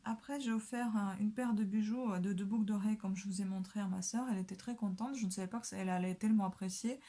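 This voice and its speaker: A woman's voice: medium pitch, fairly even intonation, quick pace, warm tone. A young woman chatting casually while doing her makeup, full of hesitations and fillers. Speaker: beauty vlogger.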